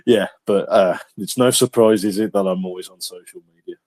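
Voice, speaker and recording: Podcast host, low-pitched, chatty, very dry sound. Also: male voice, fairly quick, a little mellow, dry recording. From England. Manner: chatty, repeats words when starting sentences. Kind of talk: casual chat.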